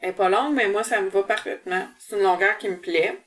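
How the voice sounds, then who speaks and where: Talking fast in a medium-pitched voice, a Québécois woman from Quebec, Canada, chats through her casual cross-stitch show-and-tell vlog. She sits far from the mic and her speech is full of fillers and restarts.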